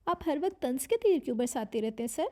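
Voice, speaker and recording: A chattering young secretary who is easily flustered, voiced by a woman reading a romance novel aloud. Her voice sits high and she rushes between words. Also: expressive, darkish tone.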